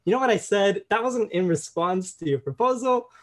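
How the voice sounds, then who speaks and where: A man's voice: sits high, expressive, normal speed, a bit bright. A young man casually and reflectively sharing a personal story, often saying "you know".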